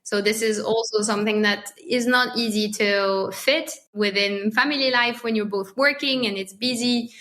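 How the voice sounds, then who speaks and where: A woman's voice: mid-range voice, a bit bright. A woman in her thirties with a French accent, a podcast guest talking casually and thoughtfully, often restarting her phrases. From France. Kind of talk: casual interview talk.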